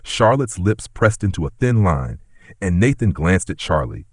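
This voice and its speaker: A man narrating a dramatic story in a steady, scripted way. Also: low voice, normal speed, husky, no echo.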